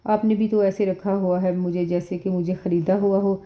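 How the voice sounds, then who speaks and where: A woman reading the part of a defiant young wife in an audio novel, with sharp, reproachful retorts, on a dull lo-fi recording. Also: medium pitch, little pitch movement, natural voice. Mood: furious. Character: defiant young wife, quick to shout back.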